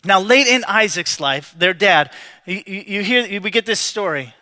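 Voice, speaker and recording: A male pastor delivers a sermon like a casual storyteller, joking with the congregation and restarting his sentences often. His voice sits high for a man and sounds bright and forward. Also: animated, moderate pace.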